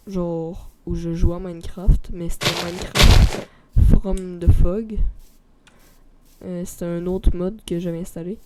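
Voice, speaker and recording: A woman's voice: fairly low pitch, background noise. A woman with a Québécois accent streaming a video game, chatting informally and in a rambling way straight to a viewer. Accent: Québécois French. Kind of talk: casual live stream chat.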